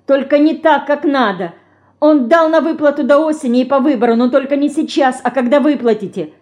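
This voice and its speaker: A woman's voice: fairly high pitch, expressive, pitched above the performer's own voice. A woman voicing an eager teenage girl who blurts things out, out of breath. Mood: breathless. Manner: rushed, out of breath.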